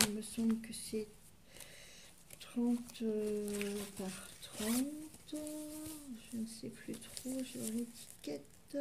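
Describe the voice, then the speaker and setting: A woman's voice: on the high side, noisy background. A woman casually presenting her shopping haul, hesitant and full of fillers as she describes each item step by step. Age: adult parent.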